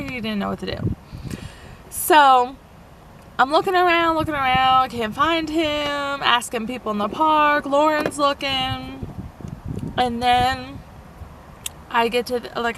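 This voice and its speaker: A young woman with a high, bright-sounding voice rambles through a story for her vlog, animated and full of fillers. A faint hum of vehicle noise sits behind her. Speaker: van life vlogger. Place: inside a parked camper van.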